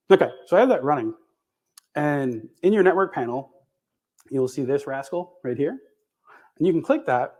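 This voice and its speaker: Man presenting on stage at a tech conference, loose and irreverent, swears freely, chatty with fillers, gum in his mouth, ordinary middle pitch. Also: darkish tone. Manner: casual, profane, lots of fillers and restarts. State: chewing gum while talking. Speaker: conference speaker. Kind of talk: live tech talk demo.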